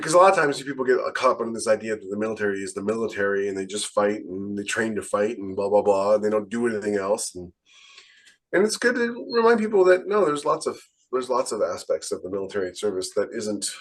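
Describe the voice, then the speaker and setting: In a lowish voice and at a fairly quick pace, a former serviceman chats on his podcast. The talk is loose and anecdotal, full of rambling and restarted phrases.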